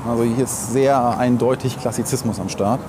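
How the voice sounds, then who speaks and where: On a walk through the city, a man co-hosting a podcast talks at a normal pace in a steady, mid-range voice, casual, opinionated, and long-winded, often putting things another way. Clear street and traffic noise surrounds him.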